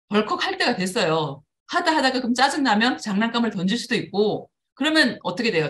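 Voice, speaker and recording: A woman in her forties giving a live parenting lecture, explaining steps and acting out what a parent says to a child. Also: on the high side. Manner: warm explanatory tone, acts out parent-child dialogue.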